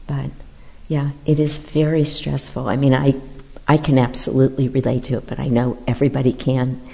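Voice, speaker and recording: A woman with a low, gravelly, mellow voice gives a casual Sunday sermon in a big church. She tells self-deprecating stories and speaks to the congregation as if chatting. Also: flat delivery, moderate pace. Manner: conversational, self-deprecating storytelling. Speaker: minister leading a Sunday service. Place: large church.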